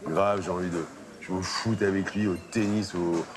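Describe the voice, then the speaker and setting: An actor playing an excited man who has just learned he is a father, talking emphatically. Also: sits low, moderate pace, background noise, close to an everyday voice. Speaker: new father. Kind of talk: sitcom acting. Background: background music.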